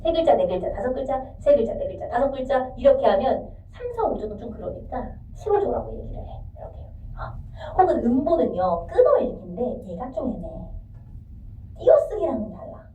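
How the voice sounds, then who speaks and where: A somewhat high-voiced woman teaching a lively classroom lecture, singing out verse and throwing questions at her students. She is recorded from a distance in an echoey room, and the sound is slightly dull with faint background noise. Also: brisk. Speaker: Korean literature teacher.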